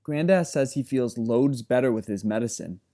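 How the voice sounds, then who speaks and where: A man's voice: medium pitch, expressive, normal speed, mellow, natural voice. A man reading aloud, voicing a bossy little village girl with a piping voice and a condescending manner. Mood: irritated. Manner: disapproving, condescending.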